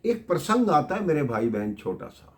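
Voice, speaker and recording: A man's voice: fairly high pitch, very animated, normal speed, a little mellow. A man telling a devotional story to his listeners, emotive, swelling and dropping in volume.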